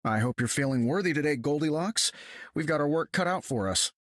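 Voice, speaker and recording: A man's voice: fairly high pitch, expressive, fairly quick, no room sound, studio quality, close to an everyday voice. A man voicing a confident, wisecracking inventor superhero in a video game, wry and casual. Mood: glib, teasing. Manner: wry, casual, self-assured. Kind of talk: video game character acting.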